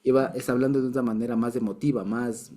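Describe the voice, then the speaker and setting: A man's voice: medium pitch, fairly even intonation, fast talker, dark tone. A man teaching a casual Bible lesson, explaining patiently with restarts and light chuckles.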